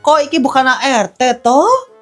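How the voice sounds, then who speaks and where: A woman's voice: high-pitched, very animated, moderate pace, fairly bright tone, soft background music. A woman playing a snobbish, rude mother-in-law with a Javanese accent, talking down to people in a sneering, condescending way for a comedy skit.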